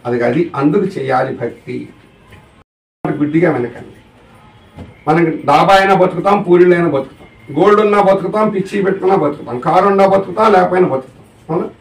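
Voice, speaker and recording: Male spiritual teacher, high voice, questioning his listeners, echoey room, distant mic. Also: fast. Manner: keeps asking the audience questions. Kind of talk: religious discourse to a live audience.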